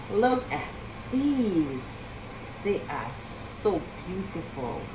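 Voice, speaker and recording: A woman reads a picture book to children with expressive storytelling, throwing in questions and marvelling asides for the little ones. Her voice is medium in pitch, and background noise is present.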